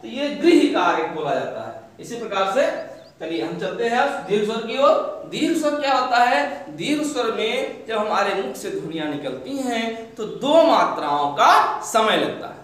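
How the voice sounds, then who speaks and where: High-voiced male teacher in an echoey room. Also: sing-song, a little slow, fairly bright tone. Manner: asks questions and answers them himself. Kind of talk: grammar lesson.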